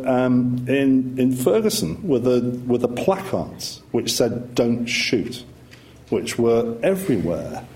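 A male academic on a panel, speaking in a measured, reflective way with frequent restarts. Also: medium pitch, warm tone. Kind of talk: panel discussion.

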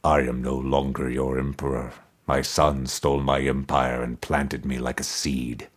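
A male narrator voices a dead emperor's skull buried beneath a tree, speaking from far below in a resonant, toneless way with little pitch movement. Pitched well under a deep speaking voice, it's slow, heavy, coldly commanding, and fits a dark spoken-word fantasy tale.

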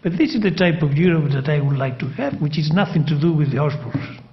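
A man answering questions on a debate panel, speaking in deliberate, halting phrases. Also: a little high, dull audio.

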